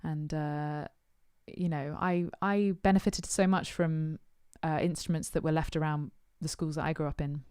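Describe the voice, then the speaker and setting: A woman's voice: low voice, steady tone, moderate pace, dark tone, clean tone, dry recording, clean studio sound. A woman musician answering her supporters' questions in casual chat, thoughtful and hesitant with many ums and uhs.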